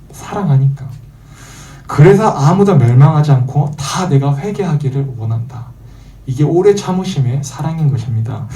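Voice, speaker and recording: Korean pastor preaching in an echoey church. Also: male voice, fairly high pitch. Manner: animated, acts out quoted voices of churchgoers and mockers; asks the congregation questions and answers them himself. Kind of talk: sermon. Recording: echoey room, voice from far off the mic.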